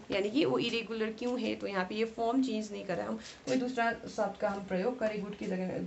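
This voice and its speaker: A woman's voice: medium pitch, vocal fry, darkish tone. A woman with an Indian English accent teaching a grammar lesson, mixing two languages. She keeps asking the class questions and then answering them herself. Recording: slightly dull recording with faint hiss.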